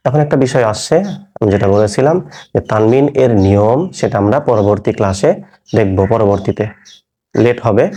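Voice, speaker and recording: A man's voice: on the low side, warm tone. A man teaching a Quran reading class, patiently explaining and repeating letter sounds step by step. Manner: patient, step-by-step explaining with drilled pronunciation examples. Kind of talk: recorded online lesson.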